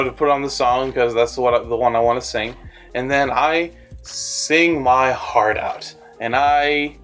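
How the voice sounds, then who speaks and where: A man's voice: mid-range voice, fairly bright tone. A young man telling a rambling, self-deprecating story in a casual storytime vlog, with faint music behind him. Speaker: animator and storyteller.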